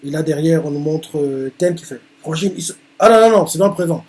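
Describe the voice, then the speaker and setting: A man's voice: on the high side, expressive, quick pace, darkish tone. A man reacting live to a manga chapter, narrating the panels with many hesitant fillers.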